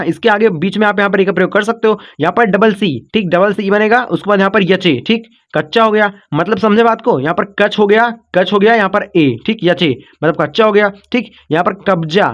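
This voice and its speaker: A man whose voice sits high, with a fairly bright tone, runs a spelling lesson online in lo-fi sound. He breaks words down syllable by syllable with patience and repeats things often. He keeps checking in with "okay" and calls everyone "kids" and "brother."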